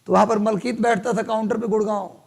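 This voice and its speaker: A man from Bihar leads a live online exam-prep lesson. His voice sits very high for a man. He dictates notes slowly, repeating each phrase, and drops chatty asides to his students. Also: fairly even intonation, vocal fry. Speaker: teacher.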